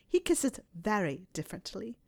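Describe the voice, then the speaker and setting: A woman reading aloud, voicing a clever, bossy teenage witch who is prim and quick to lose patience. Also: medium pitch, very animated, creaky, darkish tone. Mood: exasperated. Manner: prim, exasperated, quick-tempered.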